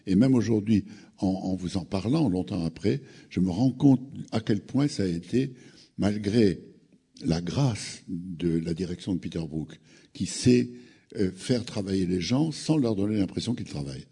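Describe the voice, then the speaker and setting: A man in later years speaking on a panel, reflective and halting, often repeating words as he searches for them. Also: low-pitched, animated, warm tone, slightly rough.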